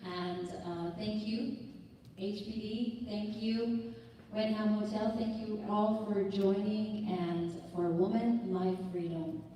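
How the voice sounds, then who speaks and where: A woman hosting a public event and speaking casually, with halting phrases and fillers. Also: mid-range voice, fairly even intonation, dark tone, slight background noise. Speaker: event organizer and host. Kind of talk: public speech. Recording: echoey hall from far off.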